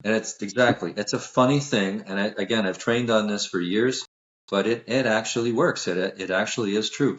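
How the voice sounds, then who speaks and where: A man's voice: fairly low pitch, roomy sound, muffled recording. A man who works as a sales coach, speaking as a guest on a podcast interview in an emphatic, self-assured, lecturing way.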